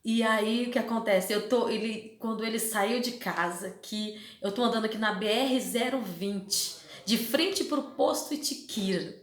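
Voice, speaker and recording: A woman's voice: on the high side, a little slow. A woman giving a personal religious testimony at church, emotional and repeating phrases for emphasis. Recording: echoey hall.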